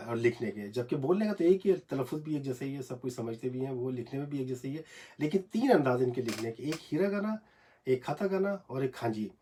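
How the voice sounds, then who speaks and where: A man teaching Japanese script in a casual, halting home video lesson, recorded on a phone in a small cramped room. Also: mid-range voice, a little mellow, slightly rough. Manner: hesitant, many fillers, repeats syllables slowly.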